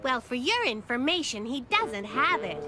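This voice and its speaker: High, animated little cartoon girl. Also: normal speed, over music. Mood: matter-of-fact. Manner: animated, playful storytelling. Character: spirited, quick-witted little girl. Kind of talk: children's cartoon voice acting.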